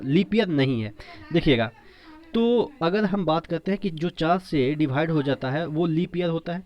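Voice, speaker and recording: A man's voice: a little high, a little mellow. A man teaching an exam-prep science lesson, explaining step by step and repeating points with memory tricks and frequent check-ins.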